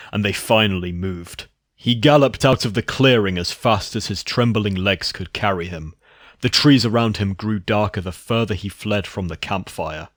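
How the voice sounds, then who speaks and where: In a scripted reading, a man with a fairly low voice narrates a dark horror story. The recording is dry, with no sense of room and no echo.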